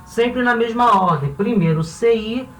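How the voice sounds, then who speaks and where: A Spanish teacher delivers a classroom-style grammar lesson, walking through it step by step and posing rhetorical questions along the way. His voice is very high-pitched and moves at a normal speed. The mic sounds roomy and slightly distant, with a little background noise.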